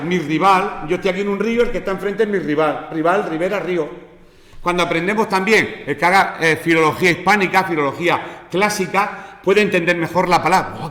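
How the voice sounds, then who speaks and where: Spanish male preacher, animated teaching delivery, slightly high voice, long church reverb. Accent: Spanish from Spain. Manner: animated, teaching, acts out pleas with raised voice. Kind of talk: sermon. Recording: echoey church hall.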